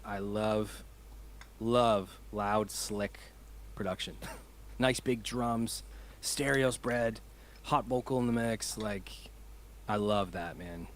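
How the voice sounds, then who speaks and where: A man's voice: fairly low pitch, a little hiss or hum. Enthusiastic musician guy, laughing a lot. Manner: enthusiastic, laughs often, rambling. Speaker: musician guest. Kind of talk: casual interview chat.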